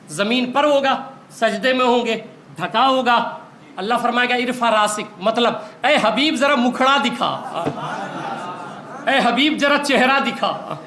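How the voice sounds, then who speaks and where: A man's voice: extremely high pitch, sharp tone, slight background noise. A man preaching a sermon in an impassioned, rising voice, recorded in a large echoey hall.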